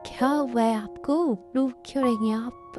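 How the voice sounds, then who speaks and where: A woman's voice: a little high, steady tone, unhurried, over music, natural voice. A woman voicing a patient young husband in an amateur Hindi dubbed drama, speaking in a pleading, soothing way.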